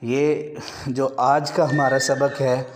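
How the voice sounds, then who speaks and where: Male Quran tutor from Pakistan, monotone delivery, drawn-out letter sounds, brisk explanations. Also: mid-range voice, a little hiss or hum. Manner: stretches out each letter sound slowly as a model, then explains at a brisk pace. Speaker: Quran reading teacher. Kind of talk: online lesson for beginners.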